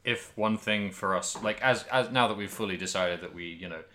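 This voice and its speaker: A podcast co-host chats casually about video games, rambling and hesitant, often correcting himself. His voice is on the low side, a little fast, and sounds pushed and bright.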